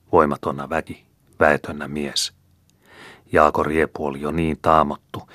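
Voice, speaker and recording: A man reading folk tales aloud as an audiobook narrator, in a measured storytelling manner. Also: rumbling low, fairly bright tone, no room sound, studio quality. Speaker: audiobook reader.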